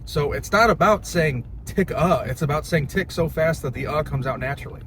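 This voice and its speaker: Speaking a little fast in a voice on the high side, a young hobbyist duck caller walks through a how-to in a relaxed, plain-spoken, informal manner. Cars and other ambient sounds come through in the noisy recording.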